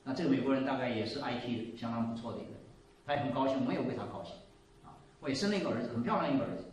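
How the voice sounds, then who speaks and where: A man in his seventies giving a sermon and telling a story, moving between loud exclaiming and quiet asides. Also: mid-range voice, lively intonation, very fast, recorded from a distance, a little hiss or hum. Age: 70s. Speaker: preacher. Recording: echoey room, voice from off the mic.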